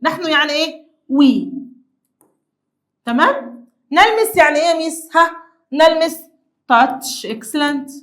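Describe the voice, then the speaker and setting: High-voiced Egyptian woman teaching English. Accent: Egyptian Arabic. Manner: lively, coaxing, repeats words slowly for pupils. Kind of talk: classroom lesson explaining vocabulary.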